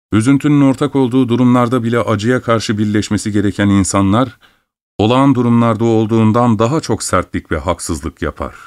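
A man reading a story aloud as narrator, in a measured, expressive manner. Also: on the low side. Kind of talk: audiobook reading.

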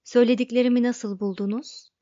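Booming, self-important storybook supercomputer, male; woman reader doing it, slightly high voice, dry and a bit dull. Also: steady tone, a little fast, no echo, natural voice. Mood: lecturing. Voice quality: loud, booming. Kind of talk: audiobook reading.

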